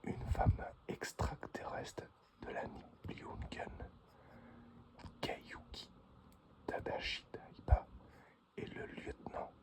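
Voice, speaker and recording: A man presenting an unboxing in breathy, whispered ASMR, close as if right in your ear, in short halting phrases. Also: low-quality recording. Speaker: unboxing video host.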